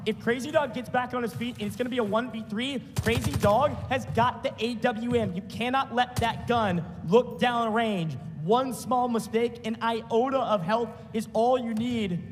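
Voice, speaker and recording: A man working as an esports caster, giving excited, dramatic live play-by-play in emphatic, punchy phrases. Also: very high voice. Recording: long hall reverb, music underneath. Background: music.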